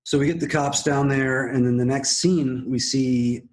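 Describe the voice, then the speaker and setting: A man hosting a conversational TV recap, explaining things in a halting way. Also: mid-range voice, fairly even intonation, darkish tone. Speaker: host of a TV recap show. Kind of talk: conversational episode analysis.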